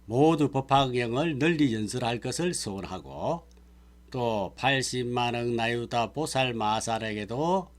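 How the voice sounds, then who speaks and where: Man of middle pitch as a monk teaching a sutra class; patient, term-by-term explanation. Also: animated, measured pace. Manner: explains terms one by one, checks with listeners. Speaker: Buddhist monk lecturer. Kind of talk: sutra lecture.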